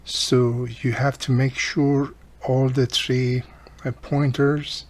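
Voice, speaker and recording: A slow, level, mid-range male voice belongs to a radio repair hobbyist and host describing a repair as he carries it out. He talks informally and unscripted, with grammar that sounds non-native and articles often dropped.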